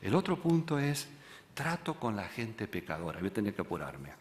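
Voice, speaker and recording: A pastor, preaching a sermon and telling a story that he acts out, moving from loud passages to hushed ones. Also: lowish voice, sing-song, moderate pace, in a large hall, a little hiss or hum.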